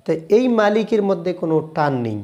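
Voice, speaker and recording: A man with a Bangladeshi Bengali accent teaching correct Quran pronunciation, switching between brisk explanations and slow, drawn-out chanted recitation. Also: sits high, very animated, darkish tone, dull audio. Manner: alternates quick explanations with slow drawn-out chanted Arabic phrases.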